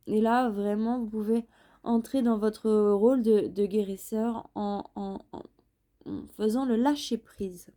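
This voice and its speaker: A woman's voice: a little high, mellow. A woman giving a casual astrology and tarot reading, chatty and playful, often repeating her phrases. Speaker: tarot reader.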